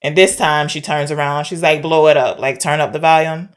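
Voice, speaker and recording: Her voice sits low, with fairly even intonation and a slightly quick delivery. As a podcast co-host, she retells a movie's plot in a relaxed chat, thinking out loud along the way.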